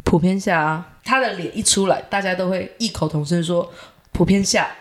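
A woman's voice: lowish voice, normal speed. A young woman with a Taiwanese Mandarin accent co-hosting a podcast, chatting casually and giving frank opinions. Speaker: podcast co-host. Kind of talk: casual chat.

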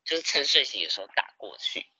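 A young man, telling stories in a casual podcast chat, animated and laughing often. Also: medium pitch, fast, breathy edge, no echo. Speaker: podcast co-host.

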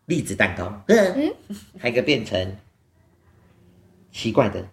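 A man's voice: medium pitch, slow pace. A man with a Taiwanese Mandarin accent telling a picture-book story to small children, playful and coaxing with simple questions, often giggly. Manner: giggly, animated. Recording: echoey room.

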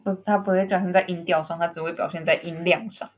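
Female co-host with a Taiwanese Mandarin accent, lowish voice, calm and patient explainer in casual chat. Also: quick pace. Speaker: podcast co-host.

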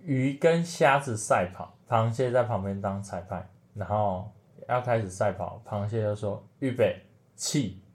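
A man's voice: fairly low pitch, normal speed. Male co-host, dry understated delivery of short jokes. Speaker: podcast co-host. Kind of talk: casual podcast chat, telling jokes.

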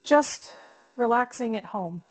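A woman's voice: fairly high pitch, expressive, takes it slowly, no room sound, low-quality recording. A woman giving short, plain scripted answers in a dialogue drill. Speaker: example speaker in a dialogue drill.

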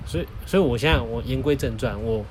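A man's voice: mid-range voice, fast, background noise. A man co-hosting a podcast, telling stories in a joking, boastful way. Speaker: podcast co-host. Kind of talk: casual chat.

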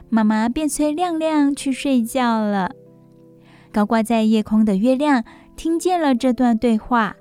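讲睡前故事的女电台主持人. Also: female voice, a little high, smooth. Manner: warm, expressive storyteller with asides to listeners. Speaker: radio show host. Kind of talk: bedtime story reading for children. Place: radio studio.

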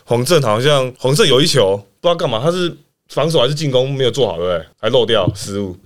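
A man chatting as a guest, joking and laughing while recalling team stories. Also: mid-range voice. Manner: lively, laughing, quick banter. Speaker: guest basketball player. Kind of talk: casual chat.

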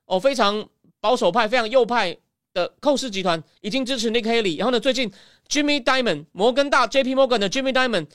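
A woman's voice: fairly high pitch, fast, no echo, studio quality. A woman host with a Taiwanese Mandarin accent giving chatty political commentary, stretching particles and restarting her sentences often.

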